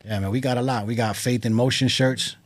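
Male rapper doing a casual promo. Slangy, catchphrase-heavy, mid pitch, dry sound. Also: steady tone, brisk, dry recording. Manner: slangy, repeats catchphrases and words for emphasis. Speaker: rapper promoting merchandise and music.

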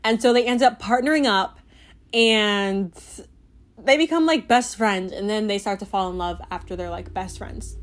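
A woman's voice: medium pitch, moderate pace. A young woman chatting casually about a book she loved, gushing and giggly, with many filler "like"s. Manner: giggly and animated. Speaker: book reviewer. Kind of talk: casual book review chat.

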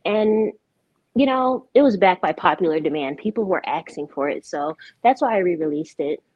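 Young woman guest, outspoken and candid, lowish voice, dull lo-fi sound. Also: animated, normal speed, darkish tone, husky, no echo. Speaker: guest, artist. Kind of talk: casual interview. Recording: dull lo-fi recording.

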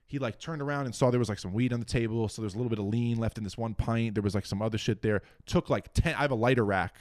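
A man's voice: medium pitch, fast, darkish tone, no room sound, clean studio sound. A young man, a guest music producer, telling a long story in casual podcast chat, swearing freely.

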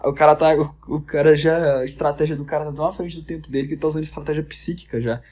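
Brazilian guy ranting jokey about a reality show, kinda high voice, rambles and curses. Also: fairly even intonation, rapid-fire, darkish tone. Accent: Brazilian Portuguese. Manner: rambling, profane, jokey storytelling. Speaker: vlogger. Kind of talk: comedic reality-show commentary.

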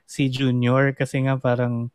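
A man's voice: medium pitch, measured pace, clean tone, dry recording. A man with a Filipino accent co-hosting a podcast, recapping a series in casual chat and acting out what the characters say. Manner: animated retelling, acts out quoted lines. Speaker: podcast co-host.

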